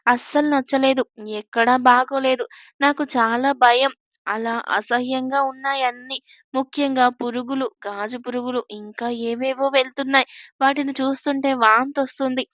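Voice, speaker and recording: A woman's voice: sits high, flat delivery, moderate pace, a bit bright, no echo, clean studio sound. A woman voicing a timid, innocent young girl bride who chatters anxiously. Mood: innocent fearful.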